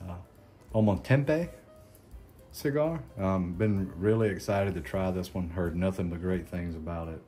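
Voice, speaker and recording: A man with a Southern accent, hosting a casual unboxing chat in an unhurried, halting way with many ums and restarts. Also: low voice, warm tone, soft background music. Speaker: cigar channel host.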